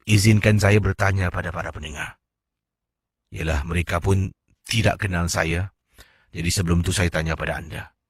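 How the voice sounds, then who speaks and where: A man hosting late-night radio, reading a listener's ghost story in a measured, storytelling way. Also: deep voice, breathy edge, dry recording, clean studio sound.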